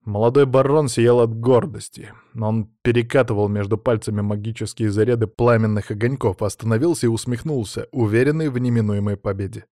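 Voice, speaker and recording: A man's voice: on the low side, steady tone, brisk, hardly any pauses, warm tone, no room sound, clean studio sound. A man narrating a first-person audiobook, with wry, sardonic asides.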